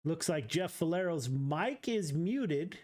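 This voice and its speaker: Halting man announcing a sim race. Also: a little high, animated, darkish tone. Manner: halting, many uh fillers and restarts. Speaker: race league broadcaster interviewing drivers. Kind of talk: post-race interview and announcements.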